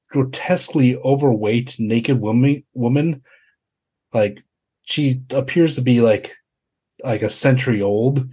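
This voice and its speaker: A man runs a tabletop horror game with a slow delivery. He improvises his descriptions haltingly, feeling for the next word, at an average pitch for a man. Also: a little mellow, husky. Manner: halting, searching for words. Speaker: game master.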